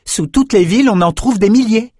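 A quick-witted young woman mage, voiced by a man reading aloud, raised well above his own voice. She talks briskly and urgently to her friends. Her lines come across dry and close, with no room sound. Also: sits high, warm tone, husky, no echo, voice pushed up. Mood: eager.

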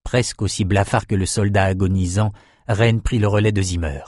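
Un homme qui narre un roman en livre audio, d'une lecture posée et régulière. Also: male voice, on the low side, fairly even intonation, normal speed, darkish tone, no room sound. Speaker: narrator. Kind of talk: scripted audiobook narration. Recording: dry studio recording.

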